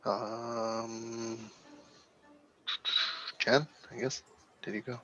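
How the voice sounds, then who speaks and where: A back-end developer giving a brief, flat introduction on lo-fi call audio with faint noise. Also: male voice, on the low side, very slow. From Nevada. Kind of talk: online meeting introduction.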